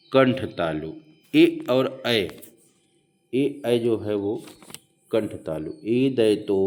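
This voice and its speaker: A male teacher explaining Hindi grammar for an exam, slowly repeating each rule and its mnemonic for his students. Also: lowish voice, a little mellow. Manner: slow, repeats mnemonics aloud. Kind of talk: exam prep lecture.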